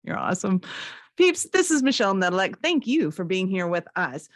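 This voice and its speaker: A woman podcast host with an informal, encouraging way of talking. Her pitch sits in the middle range for a woman and she sounds upbeat and casual. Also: big pitch swings, a little fast, no room sound, studio quality. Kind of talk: casual interview and show hosting.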